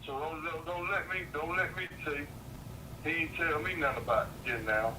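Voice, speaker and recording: A man's voice: fairly high pitch, moderate pace, recorded from a distance. A man chatting casually over a landline phone, telling stories in slangy, profane, repetitive talk. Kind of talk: casual phone chat, storytelling. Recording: noisy muffled landline jail phone call.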